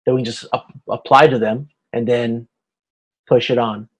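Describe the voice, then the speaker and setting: With a medium, fairly even voice at normal speed and a breathy edge, a man instructs an informal online class. He hesitantly explains slides step by step and checks comprehension during the video-conference lecture, which is recorded in low quality.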